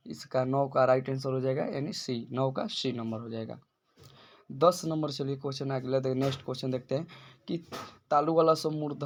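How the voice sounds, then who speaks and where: A man's voice: mid-range voice, darkish tone, a little hiss or hum. A male teacher working through exam questions one by one, repeating and restarting phrases as he explains each answer. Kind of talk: exam-prep lesson.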